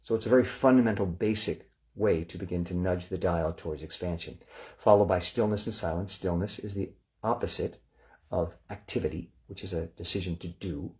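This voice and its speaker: Male relaxation guide, very low and mellow voice, calm and unhurried. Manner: calm, unhurried, gently instructive. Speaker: relaxation session leader.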